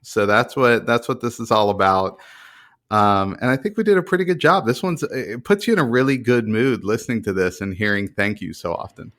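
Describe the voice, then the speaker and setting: A man's voice: on the low side, a little fast, fairly bright tone. A man hosting a music podcast, chatting casually in an upbeat, enthusiastic way. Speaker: podcast host. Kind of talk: casual chat.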